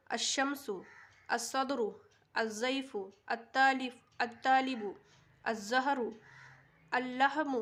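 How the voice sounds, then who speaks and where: A woman teacher works through a textbook lesson at an unhurried pace, reading each word carefully before she explains it. Her voice sits a little high, and she stays patient and methodical throughout. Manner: reads each Arabic word slowly, then translates it plainly. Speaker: Arabic language teacher.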